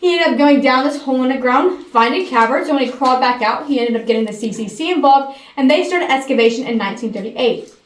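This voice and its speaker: A woman's voice: sits high, fast. A woman giving a memorized guided tour talk, her voice echoing inside a cave. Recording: echoey cave, distant mic, faint noise.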